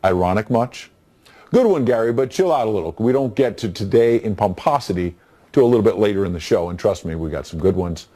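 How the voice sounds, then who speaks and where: A man hosting a cable news show, reading viewer posts and interviewing a guest in a brisk, wry way. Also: fairly low pitch, animated, warm tone. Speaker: TV news host.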